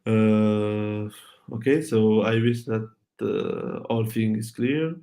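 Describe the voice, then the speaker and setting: Fairly low in pitch, creaky yet warm, this conference speaker, a native Arabic speaker, gives an online tech talk and fields questions, his speech halting and full of fillers and restarts.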